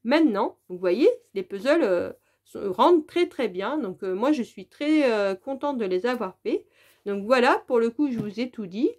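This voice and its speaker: A woman's voice: a little high, animated, normal speed, a little mellow. A woman reviewing jigsaw puzzles in a casual vlog, chatty and hesitant with frequent fillers and restarts. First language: French. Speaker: puzzle vlogger.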